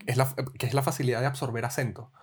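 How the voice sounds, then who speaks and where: A man's voice: mid-range voice, fast talker, breathy edge. A Venezuelan man co-hosting a casual, jokey podcast chat. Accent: Venezuelan Spanish. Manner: relaxed, jokey, laughs often. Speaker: podcast co-host.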